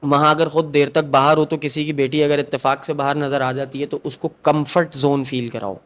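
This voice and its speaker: A man's voice: a little high, flat delivery. A man hosting a podcast in casual chat, earnest and emphatic, often agreeing with his guest. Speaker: podcast host.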